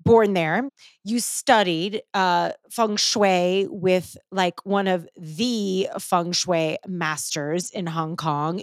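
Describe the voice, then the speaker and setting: A middle-aged woman hosting a podcast, chatting casually in a playful, animated way and swearing now and then. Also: lowish voice, dry recording, clean studio sound. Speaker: podcast host. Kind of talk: casual interview chat.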